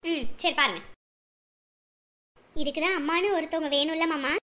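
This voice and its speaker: A woman's voice: high-pitched, moderate pace, bright, forceful tone. A woman playing an emotional young village wife in a TV serial, who swings between tears and scolding. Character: young village wife, affectionate, sharp-tongued with her mother. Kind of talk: TV serial acting.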